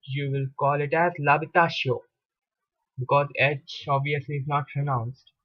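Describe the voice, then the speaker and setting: A man teaching a recorded video lesson on French articles, explaining slowly and patiently, repeating each example. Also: fairly high pitch, little pitch movement, no room sound. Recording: dull lo-fi recording, dry.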